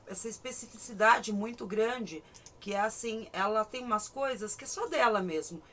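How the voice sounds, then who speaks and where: Brazilian lady, middle aged, chatty storyteller, laughs a lot, normal pitch. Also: pushed and bright. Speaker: horse breeder, host. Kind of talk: casual conversation.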